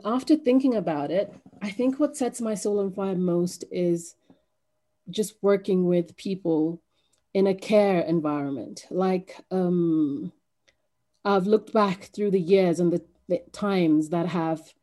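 A woman's voice: fairly low pitch, warm tone. A woman from Kenya, a podcast guest, speaking in a thoughtful, hesitant way with many ums. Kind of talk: podcast conversation.

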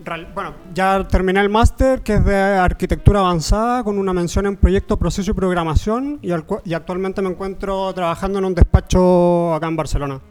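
Young Chilean man, high voice, relaxed guest, faint music behind. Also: a little fast, few pauses, clear, resonant tone. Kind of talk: casual chat over a call.

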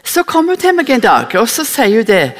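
A woman's voice: a little high, huge pitch swings. A woman giving a sermon in a church hall, telling a personal story and acting out the dialogue. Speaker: speaker at a church service. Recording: long echoing hall reverb.

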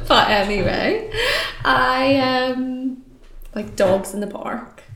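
A woman's voice: high voice, expressive, drawn-out words, reverberant, noisy background. A woman, co-hosting a podcast in casual, giggly chat and rambling through stories. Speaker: podcast co-host.

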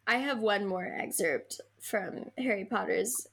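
A woman's voice: mid-range voice, measured pace, gravelly. A woman co-hosting a casual chat, hesitant and full of fillers. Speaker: podcast co-host.

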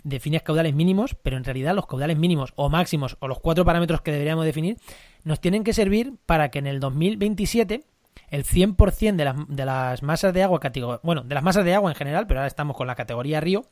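A man from La Mancha, hosting a podcast and explaining news in casual chat with quick restarts. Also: on the high side, a little mellow, no room sound, clean studio sound. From La Mancha, Spain. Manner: fast, enthusiastic explaining with restarts. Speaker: podcast host.

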